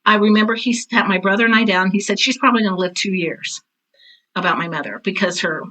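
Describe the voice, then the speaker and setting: On a poor recording, a woman of sixty or more speaks at medium pitch and a quick clip. She's a veteran theater teacher being interviewed, and her blunt, lively storytelling is full of acted-out quotes of herself.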